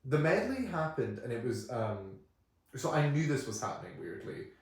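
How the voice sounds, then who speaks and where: A man co-hosting a podcast, telling stories in an animated, casual way with quick asides. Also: mid-range voice. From United Kingdom. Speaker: podcast co-host. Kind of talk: casual film chat. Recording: echoey room.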